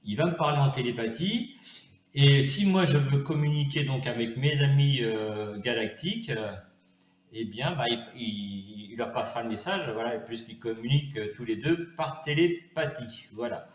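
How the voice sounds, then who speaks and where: A man's voice: lively intonation, moderate pace, muffled recording. Hesitant man in a roomy room. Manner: hesitant, many fillers and restarts; high cooing baby talk to the pet. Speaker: vlogger. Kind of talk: improvised comedic monologue.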